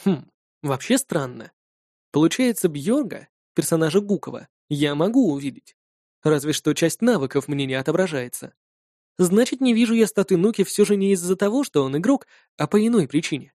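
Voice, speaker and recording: Guy reading a fantasy audiobook, dark mellow voice, dry close sound. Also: a little high, expressive, normal speed, no room sound. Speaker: audiobook narrator. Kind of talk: first-person fantasy narration.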